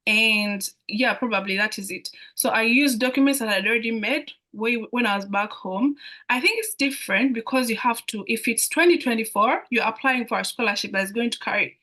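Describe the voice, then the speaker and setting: A young woman from Uganda, a young adult with a Ugandan accent, explains things as an international student guest speaker during a live online Q&A. She speaks on the high side, fairly quickly and sharply, frequently repeating phrases.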